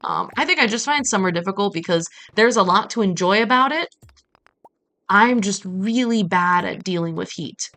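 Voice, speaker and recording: A Brazilian woman streams a game while chatting casually, telling animated stories full of acted-out quotes and playful asides. She speaks in a mid-range voice at a moderate pace.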